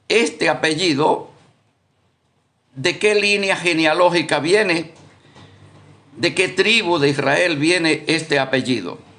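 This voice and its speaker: Slow, gravelly man teaching scripture. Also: fairly high pitch, fairly bright tone. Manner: deliberate, repetitive, often asks "¿Vio?"; self-correcting, thinks aloud. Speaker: Bible study teacher. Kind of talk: live-streamed Bible study talk.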